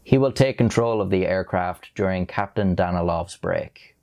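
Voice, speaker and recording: A young man with a very low voice narrates from a script in a measured, grave way. He speaks into a lapel mic on a dark studio set, telling the story steadily. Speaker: documentary narrator.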